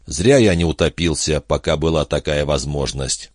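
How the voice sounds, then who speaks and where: A bitter, worn-out man sneers at himself in a sardonic inner voice, as a male narrator puts him on. The voice sits very low and is recorded dry and close, with no room sound. Self-mocking and weary, it fits a storybook reading. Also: moderate pace, no echo.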